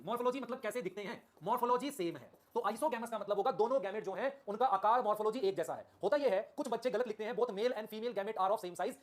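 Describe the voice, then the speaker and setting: Male biology tutor, live online class, very fast talker, constantly checks understanding, repeats terms, fairly high voice for a man. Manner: addresses students affectionately as children; repeats key terms over and over. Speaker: biology teacher.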